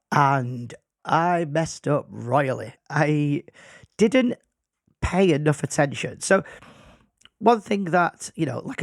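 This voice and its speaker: A man who's losing his voice hosts a casual solo podcast, rambling and poking fun at himself. Through a podcast microphone, his mid-range voice comes across in clean studio sound with no echo.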